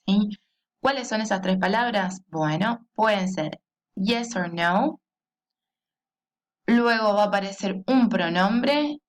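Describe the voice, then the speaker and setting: A woman teaches a grammar lesson at a slow, careful pace. She pronounces each English example phrase clearly and keeps checking that her listeners are following her. Her voice sits at an ordinary pitch. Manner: deliberate, repeats a questioning "¿sí?" to check understanding.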